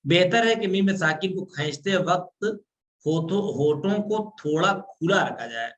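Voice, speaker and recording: A man's voice: high voice, animated, measured pace. A man teaching an online class on Quran recitation, patiently explaining rules step by step and drawing out sounds to demonstrate.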